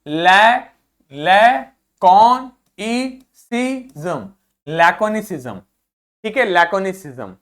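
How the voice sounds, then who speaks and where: A teacher leading an online vocabulary class, with a middle-pitched voice that sits between low and high. They repeat each word slowly two or three times for the students to copy. They keep stopping to check that everyone is following. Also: a bit bright. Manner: often checks in with "ठीक है"; addresses students directly and encourages them.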